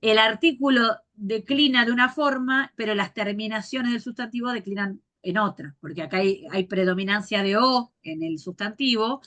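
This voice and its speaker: A woman teacher gives a grammar lecture, patiently repeating forms slowly and spelling out endings. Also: on the high side, a bit bright.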